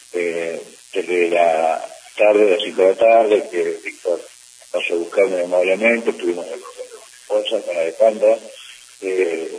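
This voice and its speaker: A middle-aged man, a district governor of a service club, answering press questions in a measured way with frequent hesitations. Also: low voice, darkish tone. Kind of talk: press interview. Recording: distant mic with faint hiss.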